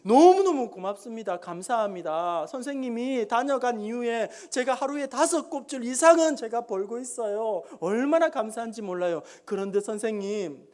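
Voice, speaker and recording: A man's voice: high-pitched, expressive, moderate pace, a little mellow. A man acting out a humble blind beggar in a sermon story, thanking a passerby effusively. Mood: grateful.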